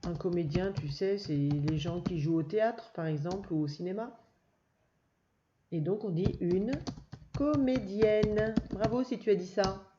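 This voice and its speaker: A woman's voice: medium pitch, measured pace. A woman teacher giving a recorded reading lesson to young children, speaking patiently and praising the listener often. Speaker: first-grade teacher. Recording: dull lo-fi, faint noise.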